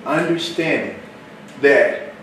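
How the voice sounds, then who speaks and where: A man giving an animated, repetitive motivational sales talk to a seminar audience. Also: medium pitch, slow pace. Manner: animated, repetitive, preacher-like rhythm. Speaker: seminar speaker. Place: event hall with live audience. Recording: echoey hall, far from mic, noisy room.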